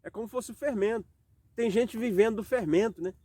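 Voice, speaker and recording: This is a home worship sermon from a Brazilian Portuguese-accented man who reads scripture at a slow pace and poses rhetorical questions. He has a high, warm voice, with no room sound in the recording.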